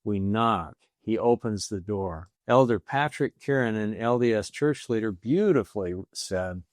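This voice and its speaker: An older American man, in his late sixties or beyond, tells a personal faith story in a folksy, deliberate grandfatherly way, posing rhetorical questions. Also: lowish voice, animated, no echo, clean studio sound. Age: late 60s or older. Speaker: storyteller giving a faith talk.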